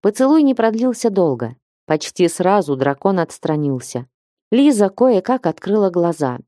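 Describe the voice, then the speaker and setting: Low, mellow woman narrating an audiobook. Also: sing-song, moderate pace, no echo, clean studio sound. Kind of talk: scripted narration.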